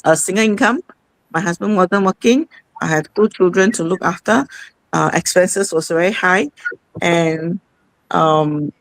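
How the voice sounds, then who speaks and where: A woman's voice: fairly low pitch, no room sound, low-quality recording. A woman, hosting an online sharing session in a rambling, conversational way. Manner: conversational, rambling with many fillers. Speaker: host.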